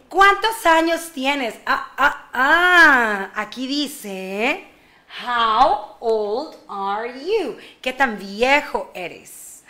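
A kindergarten ESL teacher, a young woman, addresses young children on webcam from her home, a slide screen behind her. Her voice is high and bright, and she lengthens words slowly as she models phrases. The class mixes English and Spanish, and she keeps adding playful asides.

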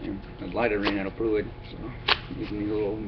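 A man's voice: lowish voice, brisk. Man talking around a pipe in his mouth. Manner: relaxed, rambling, with fillers. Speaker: pipe tobacco reviewer. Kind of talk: casual vlog review. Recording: dull lo-fi audio with background noise.

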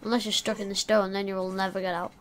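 A woman's voice: medium pitch, little pitch movement, quick pace, background noise. A woman giving casual gameplay commentary, chatting to the creatures in her game. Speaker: gamer.

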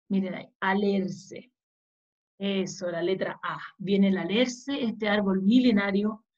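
Slow, patient woman teaching young readers. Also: medium pitch, dull audio. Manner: patient, sounds out letters and words slowly, asks children to read along. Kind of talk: slow early-reading lesson for young children.

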